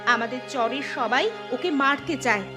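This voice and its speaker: A woman's voice: sits high, normal speed, bright, forceful tone, soft background music. A woman voicing an earnest, caring young village woman in a cartoon, with a respectful manner. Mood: indignant, resolute. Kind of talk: cartoon voice acting.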